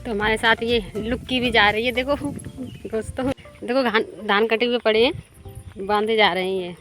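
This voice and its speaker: A woman's voice: fairly high pitch, steady tone, normal speed, a bit bright, faint music behind. A woman chatting casually and laughing often as she films a vlog outdoors in the fields. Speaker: vlogger.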